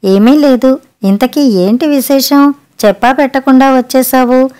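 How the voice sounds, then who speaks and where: A woman's voice: a little high, moderate pace, lightly acted. A woman voicing a tired housewife who complains about her husband in a storybook reading. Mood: plaintive. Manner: complaining, plaintive. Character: harried housewife, weary and put-upon.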